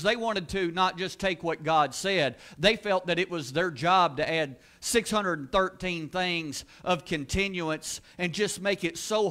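A man with a high, light voice delivers a church sermon. He preaches earnestly and emphatically, repeating key words and pushing his voice up and louder at the peaks. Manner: earnest, emphatic preaching with rising exclamations and repetition. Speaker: pastor. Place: church sanctuary.

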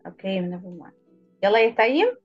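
A woman's voice: medium pitch, very animated, very fast, dull audio, faint music behind. A woman with an Egyptian Arabic accent teaching an English class online, patiently explaining and praising each pupil by name. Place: online video lesson.

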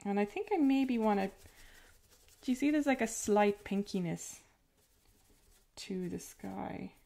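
Painting live for viewers, this artist talks in a rural Irish accent, self-deprecating and casual, leaning heavily on fillers. She sounds animated and a little slow, her mid-range voice dark and marked by vocal fry.

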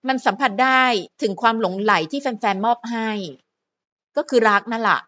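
A woman's voice: a little high, moderate pace, bright, forceful tone, lo-fi sound. A woman hosting her own fan channel, chatting playfully to viewers and to herself in a casual solo vlog.

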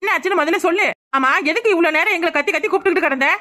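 A woman voicing a sharp-tongued village woman in a cartoon, demanding and threatening. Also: very high voice, very fast. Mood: angry. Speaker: cartoon character.

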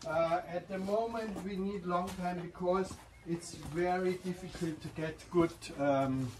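A man's voice: sits high, unhurried. A German-accented man in his sixties giving a casual tour of rooms he renovated, stumbling over words and chuckling often. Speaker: castle owner giving a tour. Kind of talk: casual guided tour chat. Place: converted farm rooms, in and out of doors. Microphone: far handheld camera. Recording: roomy, distant, noisy camera audio.

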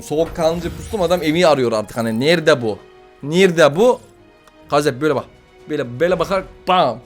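Excitable man giving gameplay commentary. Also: fairly high pitch. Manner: excitable, swearing, trash-talking, jokey. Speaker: gaming YouTuber.

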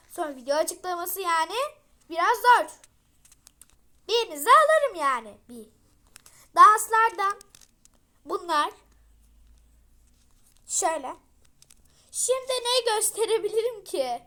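A young girl hosting a casual game showcase vlog, chatty and rambling with many fillers, talking loudly so she can be heard. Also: very high-pitched. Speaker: channel host.

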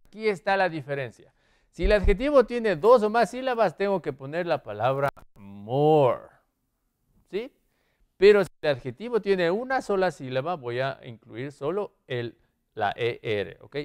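A man's voice: fairly high pitch, a little mellow, clean tone. A male English teacher giving a classroom lesson, often checking in with his students and moving around as he writes on the board. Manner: checks in with frequent "¿sí?" and "¿ok?"; moves around while writing on the board.

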